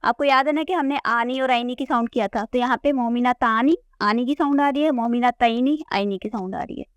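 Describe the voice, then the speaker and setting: A woman's voice: a little high, fairly quick, smooth, no echo. A woman teaching Arabic grammar, patiently repeating word forms and checking in with her students. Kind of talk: classroom lesson explaining a chart.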